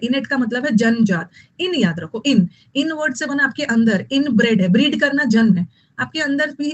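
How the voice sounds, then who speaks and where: A woman's voice: on the high side, highs cut off. Woman teaching vocabulary, repeating words. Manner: scolding, repeats key words, mixes English terms into Hindi. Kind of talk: online exam-prep lesson.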